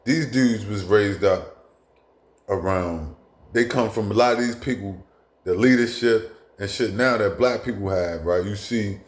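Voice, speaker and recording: A man with a lowish voice speaks at a measured pace in a reverberant space. He's a commentator in a casual monologue, blunt and profane, repeating himself with many asides and restarts.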